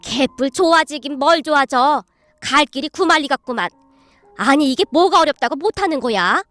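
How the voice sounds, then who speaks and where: A woman voicing a stern old grandmother-in-law who drills her family in scolding, with slow, drawn-out commands. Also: high voice, big pitch swings, fairly bright tone, dry recording, soft background music.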